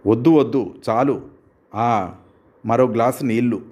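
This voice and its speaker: Story audiobook: a man voicing a frantic, hungry male friend on the run, unhurried. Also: mid-range voice, darkish tone, close to an everyday voice. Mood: weary. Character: distraught hungry male friend fleeing at night.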